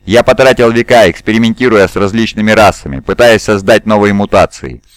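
A man's voice: fairly low pitch, brisk, no echo, close to an everyday voice. A man voicing a proud, sinister chaos surgeon. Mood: coldly polite. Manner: smooth, courteous, coldly pleased.

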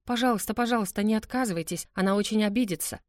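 A woman puts on a high-voiced, impulsive young girl who blurts things out and pleads. She rushes through her lines, raised and eager, in a dry storybook reading. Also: a little mellow, no room sound, lightly acted. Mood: pleading.

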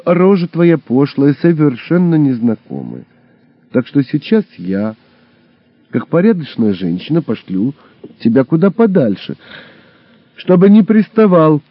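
A man voicing a sharp-tongued, sarcastic Soviet woman journalist in a raised voice, on a dull lo-fi recording. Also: a little high, no room sound, pitched above the performer's own voice. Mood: mocking. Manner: mocking, brash.

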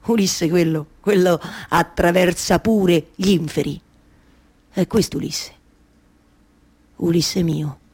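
An actress playing Penelope, a lovelorn, obsessive waiting wife, in a theatrical monologue with a Roman accent, halting and repeating her words like an incantation. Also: on the low side, fairly even intonation, a little mellow, breathy edge, exaggerated voice. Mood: proud, longing. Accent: central Italian, Roman. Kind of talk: theatrical dramatic monologue with live music.

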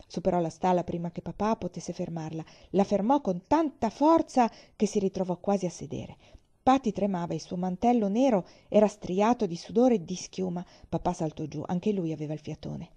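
Brief: woman narrator for an audiobook chapter, calm and expressive, low mellow voice, slightly muffled recording. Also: normal speed. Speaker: reader. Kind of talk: reading a novel aloud.

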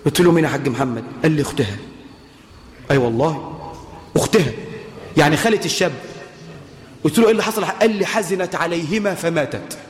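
Egyptian preacher guy, quick animated sermon, long hall reverb behind him. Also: on the high side, slight background noise. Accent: Egyptian Arabic. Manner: animated, switches into slow solemn classical quotes. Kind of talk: Egyptian colloquial sermon storytelling.

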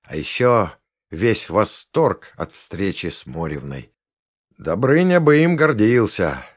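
Lively, low-voiced male audiobook narrator. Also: takes it slowly, husky. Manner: lively reading, shifts pitch for each character. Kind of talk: scripted narration with character voices.

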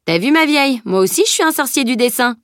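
A woman's voice: fairly high pitch, normal speed, dry recording, studio quality, pitched above the performer's own voice. Woman putting on a cheeky teenage boy. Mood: playful. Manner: lively and playful. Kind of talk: audiobook character reading.

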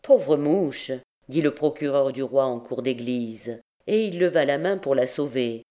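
A woman narrating a classic novel as an audiobook, in a measured literary reading. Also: extremely low pitch, mellow. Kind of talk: scripted narration.

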